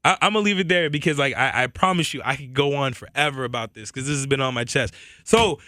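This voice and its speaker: Here the Southern US co-host sounds medium in pitch, speaking fast with a bright, forceful edge. His impassioned studio talk comes through a boom mic, dry and clean.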